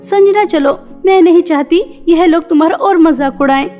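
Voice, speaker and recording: Woman doing a feisty loyal cartoon girl, high voice, sticking up for her sister. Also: moderate pace, dark tone, soft background music. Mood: defiant. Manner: earnest, firm.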